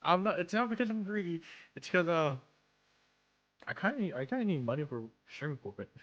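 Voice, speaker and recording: A man with a slushy lisp and slightly slurred words, talking casually and haltingly as he introduces himself in a vlog, often repeating phrases. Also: high voice, animated, a bit bright, lo-fi sound. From Canada. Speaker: content creator and streamer.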